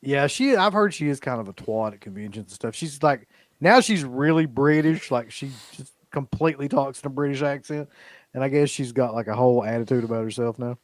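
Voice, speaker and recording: A man's voice: mid-range voice, a little fast, no room sound. A man hosting a casual watch-along livestream, bantering with friends, laughing and swearing often. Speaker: livestream host.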